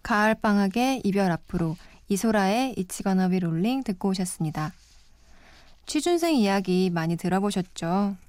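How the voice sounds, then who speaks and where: A calm, reflective woman hosts a late-night radio program in a studio. Her voice sits at an ordinary middle pitch and sounds close and dry, with no room around it. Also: measured pace, no echo. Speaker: guest radio DJ.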